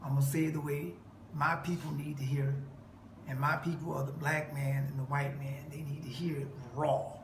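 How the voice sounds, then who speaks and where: Speaking at normal speed with a flat delivery and a somewhat high voice, a man preaches emphatically at a listener as a self-styled preacher. He quotes scripture and laughs mockingly, recorded in an echoey room with faint background noise.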